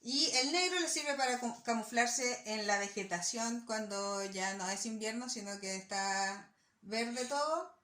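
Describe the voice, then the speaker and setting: A woman's voice: a little high, a little slow, sharp tone, reverberant. A woman teacher with a Chilean accent reviewing worksheet answers for a class, checking in often with her students. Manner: explanatory, checks in with "¿ya?".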